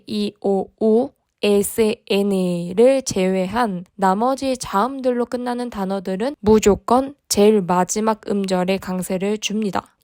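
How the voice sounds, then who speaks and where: Woman teacher explaining grammar step by step, dry close sound, slows down for example words. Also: mid-range voice, darkish tone, no echo. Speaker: Spanish teacher. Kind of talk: scripted grammar lesson.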